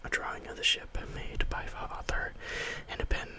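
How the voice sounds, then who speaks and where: A man reading spooky stories aloud as ASMR in a breathy, unvoiced whisper, with deliberate phrasing.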